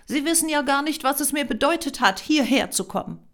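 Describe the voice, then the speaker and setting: A woman's voice: medium pitch, animated, normal speed, pitched above the performer's own voice, lightly acted. A woman reading a German story voices a proud, indignant young woman applying as a model, speaking emphatically with a raised voice.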